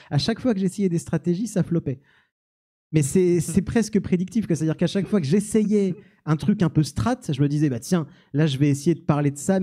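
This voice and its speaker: On stage before an audience in a small cinema-café, a man appearing as a youtuber guest fields questions in a live Q&A. He rambles, pokes fun at himself and restarts often, in a darkish voice that leans high.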